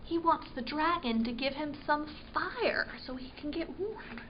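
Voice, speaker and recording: A woman librarian reads a picture book aloud for children, expressive and stopping to ask her listeners questions. Her voice is high and her pace unhurried. The recording sounds slightly dull, with a faint hiss underneath. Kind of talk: children's storytime read-aloud.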